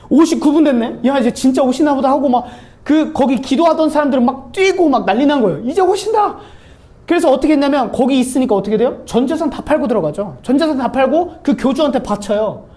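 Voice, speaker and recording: A woman in her thirties, a pastor, preaching a casual sermon in a lively, joking storytelling way. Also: a little high. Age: 30s. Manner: lively, joking, acts out quoted voices.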